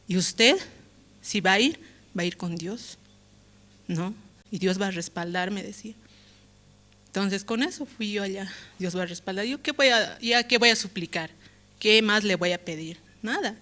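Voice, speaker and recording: A woman's voice: medium pitch, a bit bright. A woman giving an emotional church testimony in Bolivian Spanish, full of hesitations and tag questions. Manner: emotional, hesitant, frequent "¿no?" tags. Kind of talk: spoken testimony.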